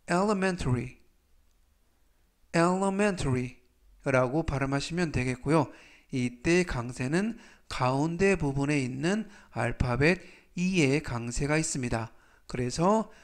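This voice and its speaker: A man teaching English vocabulary, repeating each word and example sentence slowly and explaining its meaning step by step in a formal teaching tone. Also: fairly high pitch. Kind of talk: slow, deliberate vocabulary lesson.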